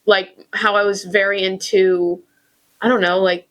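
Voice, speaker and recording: A woman's voice: medium pitch, unhurried, rough recording. A young woman, a student co-hosting a podcast, chatting casually with frequent ums and likes. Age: young adult. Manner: relaxed, many ums and likes. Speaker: podcast co-host, university student. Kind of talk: casual chat.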